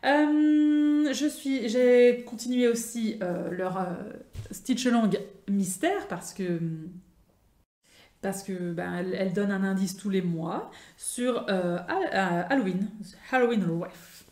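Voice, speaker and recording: French woman, casual vlogger, halting and filler-heavy, roomy echo. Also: mid-range voice, a little mellow. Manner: chatty, many fillers and restarts. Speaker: craft vlogger. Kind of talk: casual show-and-tell chat.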